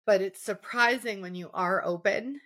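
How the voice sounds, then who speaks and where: A woman's voice: mid-range voice, normal speed, fairly bright tone. A woman hosting a podcast, reflective and emotional, talking through a personal story with many fillers. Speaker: podcast host. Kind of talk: conversational interview.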